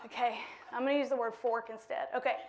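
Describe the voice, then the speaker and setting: A woman leading an interactive workshop before a live audience, lively and playful, laughing often. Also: on the high side, racing, crowd noise. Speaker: workshop speaker. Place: lecture room with a live audience.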